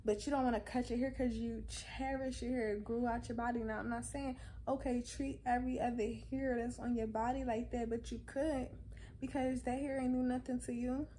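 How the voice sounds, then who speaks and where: Chill woman vlogging her opinions, slightly high mellow voice, repeats stuff to make her point, bit of noise behind. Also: fairly even intonation, a little fast, hardly any pauses. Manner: conversational and insistent, repeats phrases for emphasis. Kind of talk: casual opinion monologue to camera.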